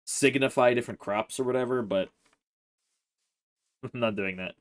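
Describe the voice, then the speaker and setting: A man hosting a Let's Play, chatting through his gameplay in a relaxed, rambling way, thinking aloud with plenty of "uh" and "like". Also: medium pitch, normal speed. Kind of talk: casual gameplay commentary.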